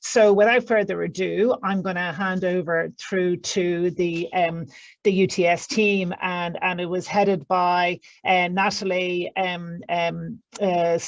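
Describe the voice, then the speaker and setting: Hesitant Irish woman with a gravelly voice. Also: fairly low pitch, fairly even intonation, muffled recording, slight background noise. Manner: halting, many fillers and restarts. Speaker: panel chair. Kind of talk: hesitant introduction at an online panel.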